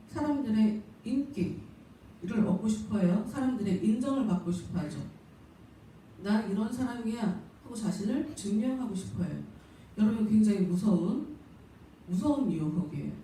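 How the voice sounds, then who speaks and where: A middle-aged woman pastor gives a Sunday sermon, talking to her people casually and putting on little voices for the quotes. Her tone is mellow and warm. She is heard from a distance in a very echoey church with a faint hum of room noise. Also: medium pitch. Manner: conversational preaching, acts out quoted voices. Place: church sanctuary.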